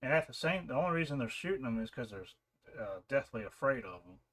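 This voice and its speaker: A man's voice: medium pitch, animated, quick pace, fairly bright tone. A man casually recapping and reviewing a series episode, rambling with fillers and restarts. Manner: rambling, loose retelling with many fillers and restarts. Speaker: show reviewer.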